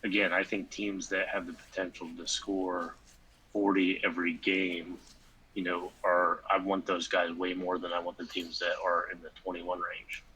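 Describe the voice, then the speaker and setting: A man co-hosting a casual sports podcast, rambling with lots of fillers and sudden animated bursts. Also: deep voice, normal speed, husky, rough recording. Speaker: podcast co-host.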